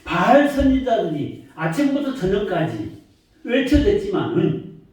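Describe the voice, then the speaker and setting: Slow-preaching Korean pastor in an echoey church. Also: male voice, a little high, warm tone, highs cut off. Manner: preaching slowly with rising emphatic questions. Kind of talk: sermon. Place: church sanctuary. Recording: echoey church hall, mic far off.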